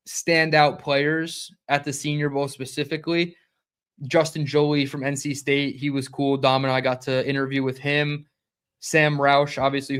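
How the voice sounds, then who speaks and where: A young man hosting a live-streamed sports reaction show, talking fast and conversationally and reading out chat comments. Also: a little high, clear, resonant tone. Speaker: podcast host.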